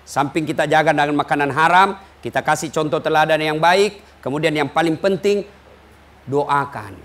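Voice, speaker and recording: A man from Sulawesi with a Makassar Indonesian accent, preaching an animated, joking sermon and acting out little dialogues. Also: on the high side, normal speed. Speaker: Islamic preacher. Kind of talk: humorous sermon.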